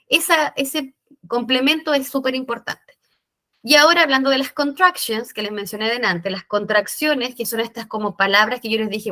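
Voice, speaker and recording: A woman's voice: fairly high pitch, bright, forceful tone. A woman teaching English grammar in a recorded lesson, explaining step by step with patient checks.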